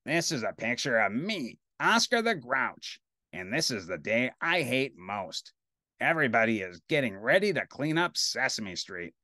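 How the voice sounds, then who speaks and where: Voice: mid-range voice, very animated, measured pace, sharp tone, dry recording. A grumpy storybook grouch, acted out by a reader who relishes filth and grumbles with contrary glee. The delivery swings up and down, and the sound is close and dry. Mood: grumpy, wry. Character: grumpy grouch who loves trash and mud.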